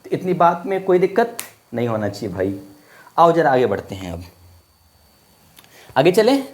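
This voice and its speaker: Casting: male teacher, somewhat high voice, casual friendly online lesson, drills with questions and repetition. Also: sing-song, moderate pace. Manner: asks questions and repeats words for drill; casual, friendly classroom talk. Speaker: Hindi grammar teacher.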